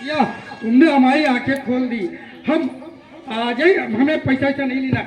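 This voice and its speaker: A man acting as an illiterate village father in a street play, declaiming loudly and gratefully. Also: very high voice, moderate pace, echoey room, poor audio. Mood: earnest. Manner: loud stage declaiming.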